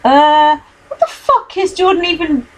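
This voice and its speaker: A woman with a slightly high voice talks through a reality-show recap in loose, chatty podcast form. She swears freely and laughs often. She is recorded at home. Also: animated, measured pace, slight background noise, low-quality recording. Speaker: podcast co-host. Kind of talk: casual chat. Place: home, with a cat.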